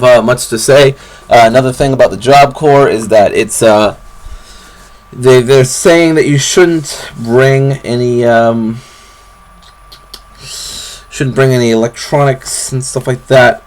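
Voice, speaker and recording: Perched on his bed in a bedroom, a young man vlogs in a loose, rambling way, stumbling through fillers and fresh starts. The camera's built-in microphone picks up his very deep, bassy, gravelly voice.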